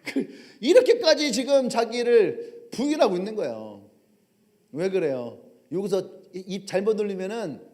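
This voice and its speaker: A male pastor preaching a sermon, telling stories with animated humor. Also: high-pitched.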